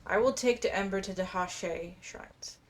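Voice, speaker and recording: This medium-pitched streamer talks a little slowly as she plays, offering casual commentary and reading pieces of quest text. Faint background noise and game ambience can be heard in the recording.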